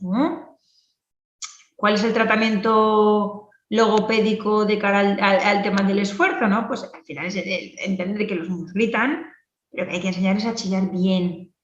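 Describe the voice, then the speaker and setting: A woman speech therapist giving a clinical lecture in a lively, explanatory way, often checking in with tag questions. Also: medium pitch, echoey room, recorded from a distance, highs cut off.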